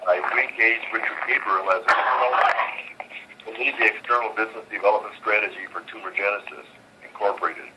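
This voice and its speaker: Low, sharp-voiced man on noisy phone line. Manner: formal, stumbles and repeats words while reading. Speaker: company executive leading an investor call. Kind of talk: scripted earnings call presentation, read aloud. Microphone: telephone conference call.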